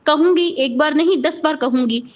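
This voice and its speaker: A woman voicing a defiant, sharp-tongued young wife in a storybook reading, with tart retorts. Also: high voice, normal speed, close to an everyday voice. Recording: dull lo-fi recording.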